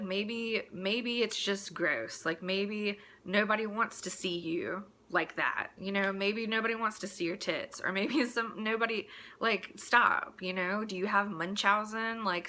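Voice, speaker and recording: In this clip a woman with a mid-range, bright voice and a forceful tone rants about her own opinions as the host. She's casual, blunt, crude and exasperated, and she throws in mocking asides.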